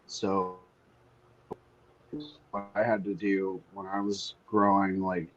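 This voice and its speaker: A man's voice: deep voice, completely flat delivery, highs cut off, faint music behind. A man on a remote call whose audio keeps breaking up, talking casually and restarting his sentences as the connection drops. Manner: halting, restarts mid-sentence. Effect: choppy call audio that cuts out. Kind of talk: casual chat. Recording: online call connection dropping out.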